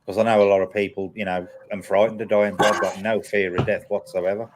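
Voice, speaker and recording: A man with a fairly deep voice hosts a casual chat. He tells personal anecdotes in a blunt, repetitive way, as if talking to regular followers. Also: little pitch movement, fast talker, noisy background. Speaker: host of a paranormal live chat.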